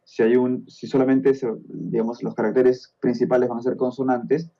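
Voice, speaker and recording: Peruvian guy explaining stuff slowly, really dark mellow voice, kinda dull lo-fi sound. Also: medium pitch, little pitch movement. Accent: Peruvian Spanish. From Peru. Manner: patient, explaining step by step with frequent checks like "¿no?". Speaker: guest expert on Tolkien's languages. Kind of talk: explanatory podcast talk.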